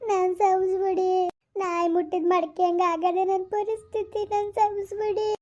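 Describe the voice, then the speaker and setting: A woman's voice: very high voice, level tone, a little slow, a little mellow, dull audio. A woman playing a remorseful young village wife who begs her husband's forgiveness, speaking in a tearful, pleading way. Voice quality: tearful, begging. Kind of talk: village family drama acting.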